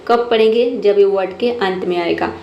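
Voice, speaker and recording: A woman's voice: medium pitch, moderate pace, muffled recording. A woman teaching English pronunciation rules step by step in a patient, methodical way. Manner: patient, methodical, repeats "ठीक है" often. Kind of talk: phonics lesson explaining rules step by step. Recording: echoey room, faint noise.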